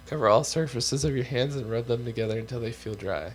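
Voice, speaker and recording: On a relaxed show he co-hosts, a young American man works through health guidelines out loud with casual wisecracks, his voice fading. He has a medium pitch and normal pace, and there's a slight hiss or hum on the recording.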